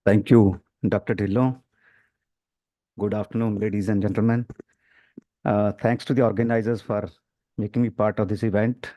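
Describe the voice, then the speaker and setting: A man, a professor giving an academic presentation at a seminar, explaining his points in a measured way with some fillers. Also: on the low side, level tone, dark tone, dry recording. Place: conference room.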